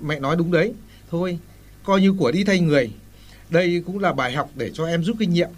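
A man's voice: on the high side, fairly quick, lightly acted. A man playing an earnest middle-aged husband who lectures his wife about family meals.

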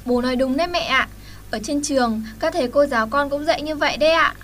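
A woman's voice: high-pitched, fast, fairly bright tone, slight background noise. A woman voicing a polite young school child in a family skit. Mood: eager. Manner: polite and eager.

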